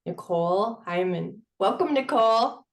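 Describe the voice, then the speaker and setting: A woman hosting an interview, enthusiastic, laughing often and encouraging her guest with quick affirmations. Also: mid-range voice, expressive, roomy sound. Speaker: interview host. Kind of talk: interview conversation.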